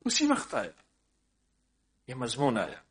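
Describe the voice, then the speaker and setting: A man giving a sermon full of anecdotes, repeating phrases for emphasis and swinging from loud stresses to hushed murmurs. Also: medium pitch, huge pitch swings. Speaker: religious speaker.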